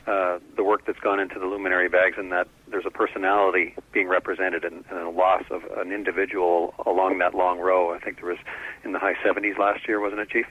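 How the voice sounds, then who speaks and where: Man, musician guest, low voice, thoughtful, phone-line sound. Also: no echo. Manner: reflective, halting with fillers. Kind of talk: radio interview.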